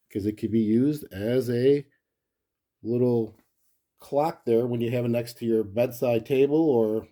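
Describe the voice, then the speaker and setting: A collector presents a hands-on gadget review in a mellow, medium-pitched male voice. He talks in an easygoing, off-the-cuff manner, voicing his thoughts as they come.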